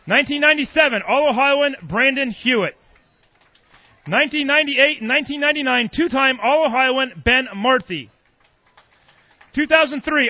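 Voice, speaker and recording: A man's voice: very high-pitched, dry recording. An American man formally announcing honorees at a ceremony, reading out years and names. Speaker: public address ceremony announcer. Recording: dull, lo-fi announcement sound.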